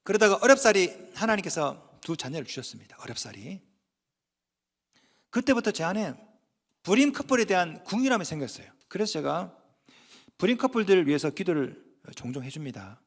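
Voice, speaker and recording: A man's voice: high-pitched, big pitch swings, brisk. A middle-aged male pastor preaching a sermon in a folksy, conversational way, with rhetorical questions to the congregation. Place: church sanctuary. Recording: long hall reverb.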